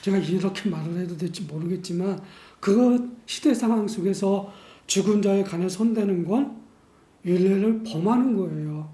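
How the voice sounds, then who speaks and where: A man preaching a sermon as pastor in a church, measured and unhurried, posing rhetorical questions to the congregation. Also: high voice, mellow. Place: church sanctuary. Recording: echoey church room.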